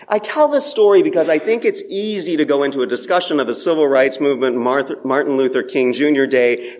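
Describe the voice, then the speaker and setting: Male minister, sermon with guided meditation, unhurried delivery, rhythmic repeated phrases, measured cadence. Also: mid-range voice.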